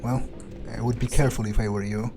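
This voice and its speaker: Playing a video game in character as a vampire, a man muses casually to himself and swears freely. His voice is fairly low and steady, and he talks fast. Music plays behind him along with some background noise.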